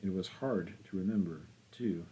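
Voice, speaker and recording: A man reading a classic novel aloud as an audiobook narrator, in a measured, deliberate way. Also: low-pitched, dark tone, a little hiss or hum, low-quality recording. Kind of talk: scripted literary narration.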